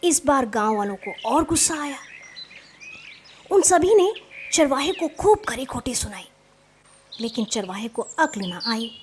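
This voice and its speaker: A woman narrating a children's story in a slow, expressive reading style. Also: high voice, a little hiss or hum.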